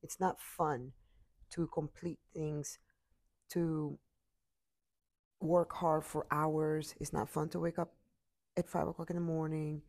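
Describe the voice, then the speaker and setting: A woman's voice: low voice, flat delivery, slow pace, long pauses, darkish tone. A tired woman giving an earnest, repetitive motivational talk into her computer mic.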